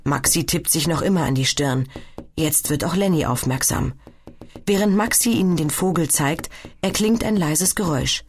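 A woman narrating a children's audiobook in a lively, expressive way. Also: sits low, normal speed, a little hiss or hum.

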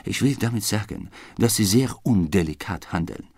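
A man voicing an excitable, loyal male manservant who bursts out in indignant exclamations, in a husky, dry audiobook reading. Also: on the low side, moderate pace, no room sound. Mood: indignant, excited.

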